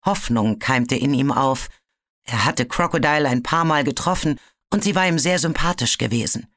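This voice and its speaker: An audiobook narrator reading a fantasy story in a steady storytelling manner. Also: mid-range voice, moderate pace, no echo.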